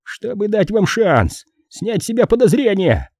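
A shrill, prickly little police officer, read by a man who shrieks his indignation in a high, husky voice. His pitch leaps about wildly, and the storybook reading sits close and dry. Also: big pitch swings, a little fast, warm tone, dry recording, full character voice. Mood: shrill, threatening. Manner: prim, indignant, easily offended.

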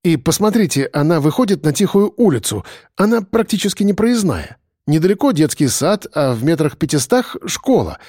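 A man's voice: fairly high pitch, sing-song, moderate pace, dark tone, no echo, clean studio sound, voice pushed up. A man doing a slick, eager realtor. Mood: salesy. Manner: wheedling, salesy.

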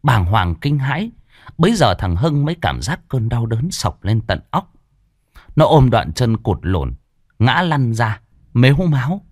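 A man narrating a horror story in a dramatic, expressive storytelling manner. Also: medium pitch, a little slow, no room sound, clean studio sound.

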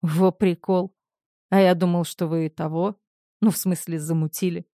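A man's voice: high voice, level tone, moderate pace, mellow, no room sound, studio quality. A woman voicing a blunt, simple-minded young man who talks in offhand slang. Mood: casual.

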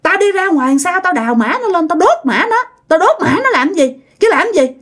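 A woman voicing a stubborn, hot-headed old village man who shouts quarrelsomely. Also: a little high, sing-song, very fast, breathy edge, exaggerated voice. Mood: raging.

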